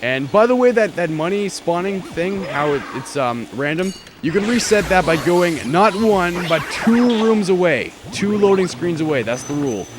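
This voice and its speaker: Hoarse, sick young man rambling over a game. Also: high voice, big pitch swings, normal speed, few pauses, background noise. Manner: rambling, joking. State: hoarse, voice cracking from illness. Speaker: Let's Play host. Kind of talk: video game commentary.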